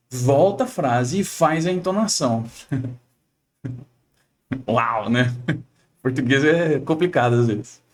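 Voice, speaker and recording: A young man from Brazil teaching an English lesson in a chatty, explanatory way, often checking in with the listener and shifting his intonation to model questions. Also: on the high side. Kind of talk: casual online lesson.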